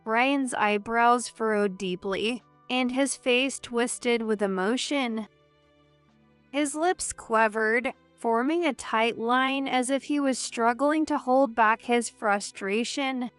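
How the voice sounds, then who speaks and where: Slow, clear-voiced woman narrating. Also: a little high, no room sound, soft background music. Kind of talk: first-person story narration.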